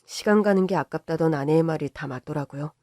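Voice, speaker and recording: Calm older man narrating a story. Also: fairly high pitch, fast, dry recording, studio quality. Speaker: narrator, father.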